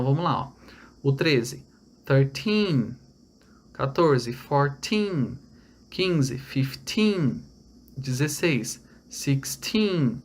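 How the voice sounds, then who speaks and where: A man from Brazil giving an online English lesson, explaining step by step and checking in with his students. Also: a little high. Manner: explains step by step, repeats numbers slowly in English; checks in with "tá?" and "olha lá". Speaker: English teacher.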